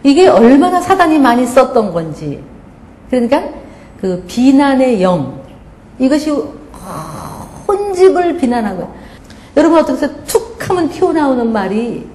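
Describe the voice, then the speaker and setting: A woman's voice: sits high, a little slow. Woman preaching in an echoey hall. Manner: animated storytelling, acts out scolding voices. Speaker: pastor. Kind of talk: sermon. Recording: echoey hall, faint background noise.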